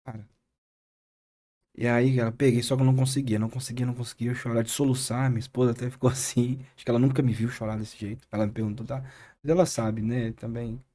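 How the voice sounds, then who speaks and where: Earnest Brazilian pastor, mellow voice. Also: male voice, medium pitch, flat delivery. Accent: Brazilian Portuguese. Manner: earnest, emotional retelling with halting restarts. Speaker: pastor, podcast guest. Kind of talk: podcast interview storytelling.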